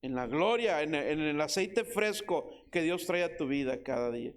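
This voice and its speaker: A man with a Mexican accent preaching a sermon as pastor, telling a story with lively, acted-out quotes. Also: fairly high pitch, moderate pace, clean tone. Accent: Mexican Spanish. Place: church. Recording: loud guitar music behind.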